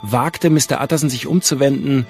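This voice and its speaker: A man reading an audiobook in a measured, calm storytelling manner. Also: medium pitch. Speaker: audiobook narrator. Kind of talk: scripted narration.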